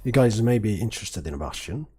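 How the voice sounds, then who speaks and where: A man's voice: lowish voice, lively intonation, quick pace, dark tone, breathy edge. A man streaming a team game, directing his teammates and explaining strategy. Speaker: streamer and team shot-caller. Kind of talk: live gameplay commentary and team callouts.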